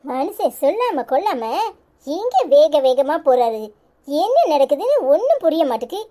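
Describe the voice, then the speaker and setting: A woman's voice: high voice, sing-song, moderate pace, mellow. A woman doing a bitter muttering cartoon wife. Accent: Kanyakumari Tamil. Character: resentful sulking wife, Anitha, muttering alone. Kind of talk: cartoon voice acting.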